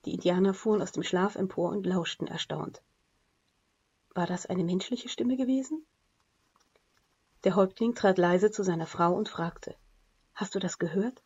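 A woman's voice: lowish voice, moderate pace, long pauses, darkish tone, husky. Woman narrating an adventure audiobook. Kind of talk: scripted narration. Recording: dull lo-fi recording.

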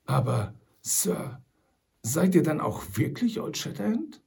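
A man's voice: fairly high pitch, sing-song, slow, creaky, darkish tone, voice pushed up, heavily acted. A man voicing a stubborn old male frontier trapper who talks in a quirky old-timer way, sprinkling in English words. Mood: gruff, suspicious.

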